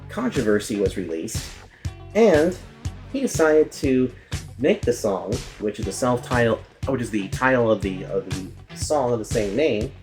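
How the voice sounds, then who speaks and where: A man narrates a casual music-history episode as its host, his voice swinging widely up and down in a middle register. He keeps a chatty tone and corrects himself out loud. Faint music sits underneath. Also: mid-range voice.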